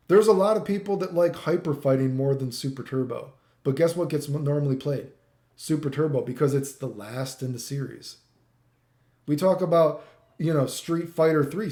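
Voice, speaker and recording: In an echoey room, a middle-aged gaming commentator from Canada with a mellow, high-leaning voice delivers an exasperated, opinionated rant on the spot, emphatic and repetitive, laced with swearing and rhetorical questions.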